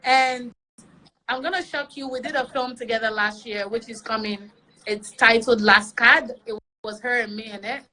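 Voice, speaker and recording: Woman comedian, interview guest, bright higher voice, animated storyteller. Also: moderate pace, poor audio. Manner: animated, laughs often, acts out quotes.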